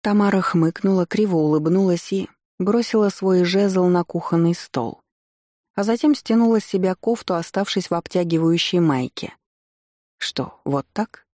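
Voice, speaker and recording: Low mellow woman narrating an audiobook. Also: moderate pace, no echo, clean studio sound. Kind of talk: first-person audiobook narration.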